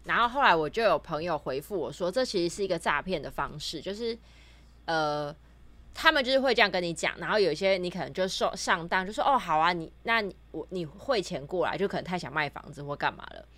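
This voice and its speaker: A woman's voice: fairly low pitch, quick pace. A woman speaking Mandarin with a Taiwanese accent, a real estate agent telling a story in casual podcast chat and acting out the dialogue. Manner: animated storytelling, acts out quoted dialogue.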